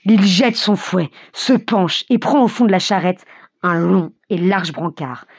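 A woman narrating a novel aloud as an audiobook, with vivid, expressive storytelling and a husky voice. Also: lowish voice, measured pace, no echo, clean studio sound.

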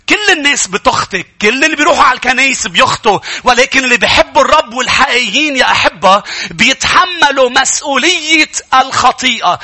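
Lebanese pastor preaching, high pitched and kind of husky, keeps talking to the congregation. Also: male voice, bright, forceful tone. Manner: emphatic, repeats phrases, addresses the congregation directly. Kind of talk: sermon.

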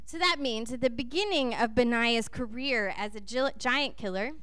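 This guest preacher, a native English speaker from Texas, breaks her sermon into short phrases for an interpreter and tells stories with a playful, chatty manner. Her fairly high voice moves at normal speed, sounding fairly bright, clear, and resonant in a dry recording.

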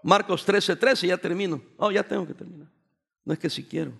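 A man's voice: high-pitched, fast, vocal fry, husky. A male pastor delivering a sermon, telling stories with energy and dropping in English phrases. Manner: animated storytelling preacher, mixing in English phrases.

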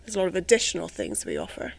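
A woman's voice: fairly low pitch, wildly swooping pitch, very fast, gravelly. Chatty woman with hesitant fillers. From born in England, raised in the United States. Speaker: company employee, guest. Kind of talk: casual podcast interview.

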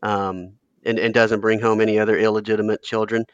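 A man's voice: on the low side, flat delivery, brisk, smooth, no echo, lo-fi sound. A man guest-hosting a casual sports podcast, joking and loose, rambling with fillers.

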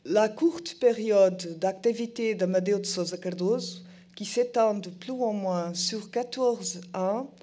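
A woman reads a formal lecture in a soft-toned, relaxed voice. Her French carries a foreign Portuguese accent and moves slowly, with stumbles on longer words. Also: mid-range voice. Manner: halting, non-native French with stumbles on words. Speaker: museum programme director giving a lecture. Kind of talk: prepared lecture, read aloud.

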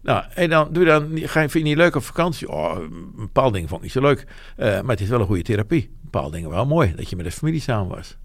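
A man's voice: medium pitch, big pitch swings, quick pace, hardly any pauses, no room sound. Rambling older man, dry sound. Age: 70s. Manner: rambling, frank, self-deprecating. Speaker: interviewee, business owner. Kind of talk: reflective interview talk.

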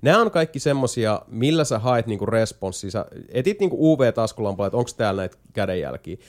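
A man at an ordinary middle pitch talks casually as a podcast host. He rambles through a game explanation and keeps stopping on hesitation fillers. He slips in jokey asides along the way. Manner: jokey, lively storytelling. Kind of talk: casual chat.

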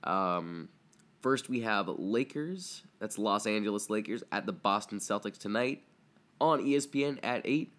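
Young guy with a cold, stuffy and kinda low voice, rambling podcast chat, lots of ums. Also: expressive, measured pace, a bit bright. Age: young adult. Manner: loose, rambling, frequent ums and uhs. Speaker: podcast host. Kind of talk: casual solo podcast chat.

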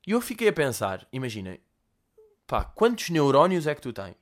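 A young man with a European Portuguese accent, a podcast host telling comic stories in a profane, animated, conversational way. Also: mid-range voice, normal speed. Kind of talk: comedic storytelling.

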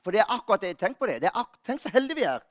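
A male pastor giving an Easter sermon, telling funny stories about himself with lively warmth. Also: high-pitched, dry recording, clean studio sound. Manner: lively storytelling, self-mocking humor.

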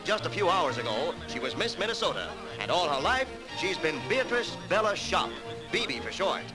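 A man announcing in a showy, booming style, played from an old 1940s newsreel. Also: very animated, moderate pace, poor audio. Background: music.

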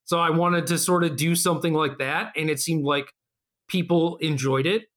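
A man's voice: a little high, moderate pace, fairly bright tone. A man hosting a podcast, chatting casually with his co-host.

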